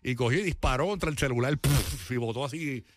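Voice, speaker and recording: A man's voice: medium pitch, a little fast, no room sound. A man with a Puerto Rican accent hosting casual morning radio banter, playful and slangy, often repeating his phrases. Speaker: radio show host.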